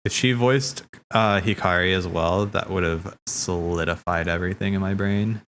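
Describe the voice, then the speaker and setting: Hosting a livestream, a man thinks aloud in a casual, slangy, rambling way. His voice is low-pitched and a bit bright, with fairly even intonation and a moderate pace, over background music and slight background noise.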